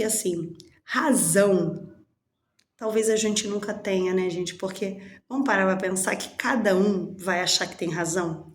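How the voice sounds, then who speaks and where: A woman's voice: lowish voice, reverberant. A woman hosting her own channel, sharing personal reflections in a candid, chatty way and acting out her inner dialogues. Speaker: channel host.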